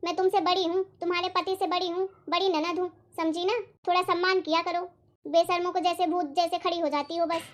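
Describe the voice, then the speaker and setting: A woman's voice: very high voice, flat delivery, fairly quick. A woman voicing a domineering, nagging adult sister-in-law in a cartoon, talking in a harsh, sarcastic, scolding way. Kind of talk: animated cartoon voice acting.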